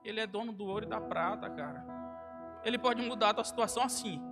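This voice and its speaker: A man's voice: high-pitched, quick pace. A young man preaching a sermon in a church hall, casual and familiar, acting out the dialogue in his stories. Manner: casual, addresses listeners as "cara" and "irmão". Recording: long hall reverb, loud music behind. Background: guitar music.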